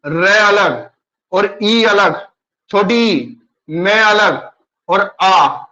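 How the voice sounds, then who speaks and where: A man's voice: sits high, animated, very slow, bright, forceful tone, dull audio. A male teacher taking an online class, patiently explaining and repeating questions to his students.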